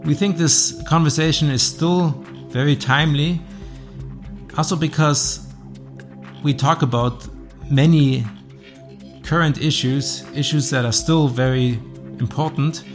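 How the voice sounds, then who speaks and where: A man hosting a podcast, reading a measured, scripted introduction. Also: fairly high pitch, fairly even intonation, faint music behind. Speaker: podcast host.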